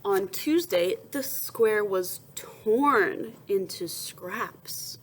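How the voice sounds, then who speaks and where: A woman reads a picture book aloud to young children like a teacher, telling the story expressively with questions and asides, pausing to ask and then answer softly. Her voice is mid-range, with slight background noise.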